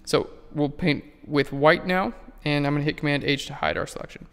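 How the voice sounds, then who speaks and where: A man's voice: a little high, fairly even intonation, brisk, fairly bright tone, clear, resonant tone, big-room sound. A man walking through a photo-editing tutorial in a casual, rambling way that keeps correcting itself. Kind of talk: screen-recorded software tutorial.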